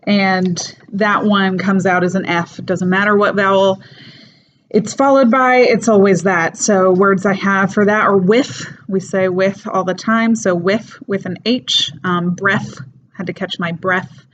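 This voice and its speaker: A woman, an English teacher, giving a casual spoken lecture, explaining things in an unhurried way with frequent fillers. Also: medium pitch, fairly even intonation. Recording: dull lo-fi recording with faint noise.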